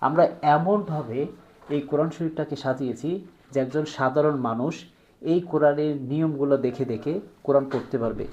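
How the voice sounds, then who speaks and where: A man demonstrating a product step by step, slowly drawing out example words. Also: fairly high pitch, a little mellow, highs cut off.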